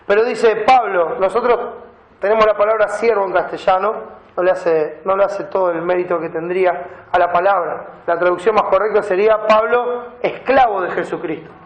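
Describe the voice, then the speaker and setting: A pastor delivers his sermon in a high voice, reading Bible verses and unpacking the words. The sound rings around a reverberant church hall. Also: fairly even intonation, normal speed, highs cut off. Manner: preaching, reads scripture aloud and explains Greek words.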